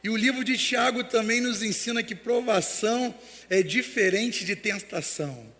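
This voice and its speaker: A man's voice: high-pitched, moderate pace, a bit bright, big-room sound. A man preaching a sermon as pastor, telling stories with many restarts. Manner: storytelling with acted quotes and many restarts.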